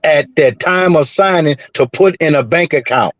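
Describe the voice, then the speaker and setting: A man's voice: a little high, normal speed, no echo, highs cut off. A man in his forties from the Bay Area, a guest in a casual sports chat, blunt and assertive. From San Francisco Bay Area. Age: 40s.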